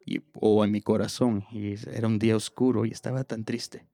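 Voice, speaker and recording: Animated male storyteller, stammering restarts. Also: on the low side, normal speed, dry recording. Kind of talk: personal storytelling on stage.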